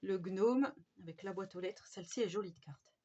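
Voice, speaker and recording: A woman's voice: medium pitch, moderate pace, mellow, a little hiss or hum. Chatty woman gushing over craft cards. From France. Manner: chatty and gushing, with many fillers and little exclamations. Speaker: craft vlogger. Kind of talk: casual haul show-and-tell. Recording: slightly dull home recording.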